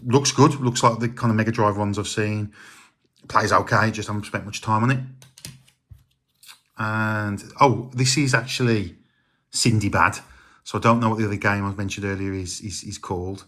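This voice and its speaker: A man's voice: on the low side, normal speed. A middle-aged man, chatting casually about his retro game collection with lots of ums and uhs. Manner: relaxed, rambling, many ums and uhs.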